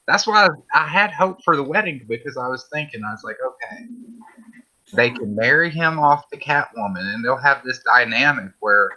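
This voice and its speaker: A man's voice: medium pitch, animated, normal speed, bright, forceful tone. A man hosting a casual stream chat, heated and opinionated, swearing freely. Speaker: stream host. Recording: dull lo-fi stream audio.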